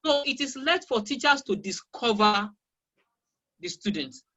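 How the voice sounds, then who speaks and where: This guest teacher of English from Nigeria, a Yoruba speaker with a Nigerian accent, responds to interview questions via video call with strong emphasis and repeated key phrases. The voice sits in the mid range, swings widely in pitch, and is bright and forceful, moving a little slowly.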